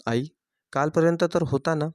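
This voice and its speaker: A man voicing a young woman who loudly accuses her brother's wife of theft, in a dry recording. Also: on the high side, normal speed, dry recording, voice pushed up, natural voice. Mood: accusing. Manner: loud, accusing. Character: sharp-tongued young sister-in-law, accusing.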